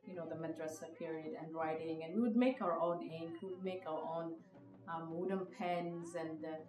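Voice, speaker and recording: A Somali woman in her thirties, a visual artist guesting on a podcast, tells her own story reflectively and hesitantly, with many fillers and restarts. Her voice sits low, a little mellow and steady at normal speed, with the mic distant in an echoey room and music playing behind.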